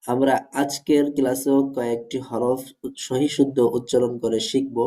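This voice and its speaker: A man's voice: medium pitch, flat delivery, moderate pace, dark tone, poor audio. A man teaching Arabic letter pronunciation as a lesson, methodical and formal with his students, repeating each point.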